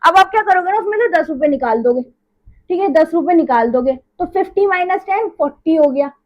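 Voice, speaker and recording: A woman's voice: very high voice, expressive, brisk, muffled recording. A woman teaching a maths lesson in a chatty, casual way, going over each step again and checking in often. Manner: chatty, repeats each step with "theek hai".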